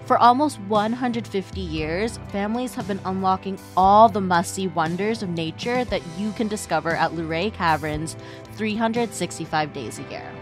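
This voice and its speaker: A woman's voice: mid-range voice, moderate pace, faint music behind. A woman reading scripted promotional narration as an advertisement announcer.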